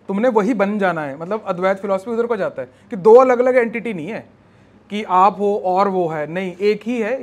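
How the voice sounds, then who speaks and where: A high-pitched male teacher lectures in a mix of Hindi and English, switching between the two. He slows down to spell out terms and keeps checking in with his students. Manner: mixes Hindi and English, spells words out slowly, checks with "right?". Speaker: exam prep teacher. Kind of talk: recorded classroom lecture.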